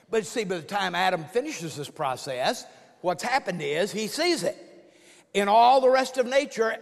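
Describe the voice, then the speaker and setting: Folksy older preacher in reverberant hall. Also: male voice, high voice. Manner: folksy storytelling with jokes and playful asides. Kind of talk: humorous expository sermon.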